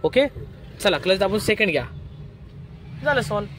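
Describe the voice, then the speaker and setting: High-voiced driving instructor. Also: male voice, big pitch swings, music in the background. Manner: instructive, repeats steps, brisk commands. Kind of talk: in-car driving lesson vlog. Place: inside a car in city traffic.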